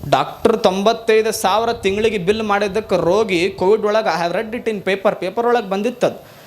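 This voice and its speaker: A man's voice: high-pitched, moderate pace. A man, a monk, giving a folksy storytelling sermon with a North Karnataka Kannada accent. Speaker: monk preacher.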